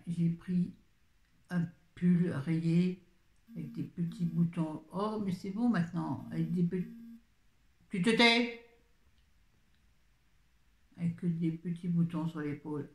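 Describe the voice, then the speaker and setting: A woman's voice: fairly low pitch, measured pace, creaky, warm tone, reverberant. An older woman chatting casually on a live video, reviewing a book in a rambling, easily sidetracked way, speaking into a phone.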